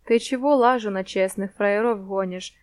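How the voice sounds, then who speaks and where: A woman's voice: medium pitch, normal speed, no echo, close to an everyday voice. A woman voicing a swaggering teenage male street thug who taunts in crude slang, in a storybook reading. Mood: mocking.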